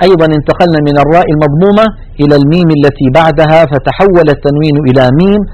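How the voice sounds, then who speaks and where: A man giving a step-by-step lesson on Quran recitation rules, explaining each rule and then reciting its examples twice, slowly and drawn out. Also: fairly high pitch, a little mellow, no room sound, lo-fi sound.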